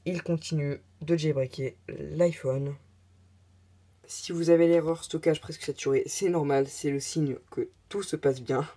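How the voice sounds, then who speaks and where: A man's voice: fairly high pitch, fairly even intonation, unhurried, dark tone. A man narrating a casual tech tutorial, talking hesitantly with many filler sounds and chatty asides.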